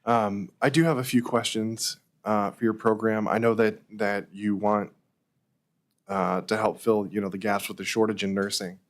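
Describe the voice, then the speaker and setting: A man with a slightly hoarse voice, formally asking questions at a public meeting as a board member, often rephrasing as he goes. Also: lowish voice, flat delivery, normal speed. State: slightly hoarse, losing his voice.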